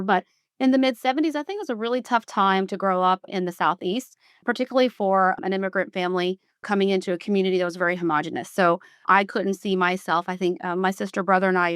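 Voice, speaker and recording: Smooth-voiced Southern US woman, reflective. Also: medium pitch, dry recording, studio quality. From South Carolina, US. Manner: reflective, measured, with frequent restarts. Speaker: guest executive. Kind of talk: podcast interview.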